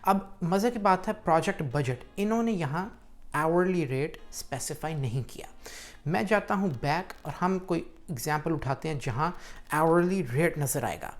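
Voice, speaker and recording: A man's voice: a little high, animated, measured pace. A man hosting a casual screen-walkthrough tutorial, chatty and encouraging as he talks straight to the viewer. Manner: chatty and pep-talking, addresses viewer as brother. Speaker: YouTube tutorial host.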